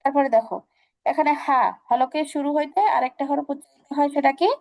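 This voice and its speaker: High-voiced woman teaching recitation. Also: level tone, darkish tone. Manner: patient, repeats examples slowly, asks students questions. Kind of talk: online class instruction.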